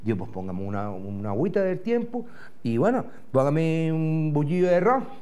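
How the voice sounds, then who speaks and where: A very animated middle-aged man from Gran Canaria, his voice on the high side, dark and smooth at normal speed, hosts a TV comic monologue in character. With a Canarian Spanish accent, he swears and voices other people while on a lapel mic in a studio before a backdrop.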